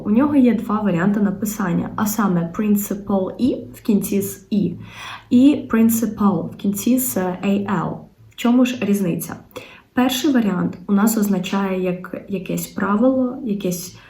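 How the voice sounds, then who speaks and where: A woman's voice: mid-range voice, dark tone. A woman English teacher explaining vocabulary in patient, step-by-step Ukrainian with frequent filler sounds. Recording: echoey room.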